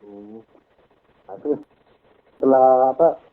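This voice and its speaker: A man's voice: medium pitch, animated, takes it slowly. A man interviewing over a phone call, asking short follow-up questions in a casual chat. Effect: heard over a phone or online call. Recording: phone-like narrow line.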